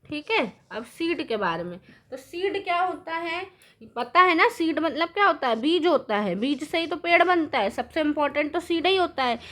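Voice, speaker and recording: Woman teacher, high and bright, quizzing her class in a lesson. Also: expressive, normal speed. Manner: asks the class questions and answers them herself; mixes English terms into Hindi. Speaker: science teacher. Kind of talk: classroom lesson explaining with drawings.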